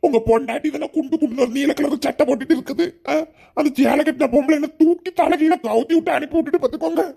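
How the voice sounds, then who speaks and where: A performer voicing an aggrieved, sarcastic middle-aged village banana seller, in a cartoon. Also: male voice, very high voice, fast, vocal fry, mellow. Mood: bitter sarcastic. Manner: sarcastic, complaining.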